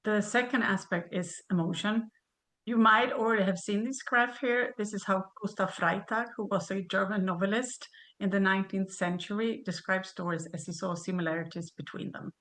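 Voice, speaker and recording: A woman in her fifties from Sweden, reading a prepared webinar presentation in a measured way over a video call. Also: mid-range voice, steady tone, fairly bright tone.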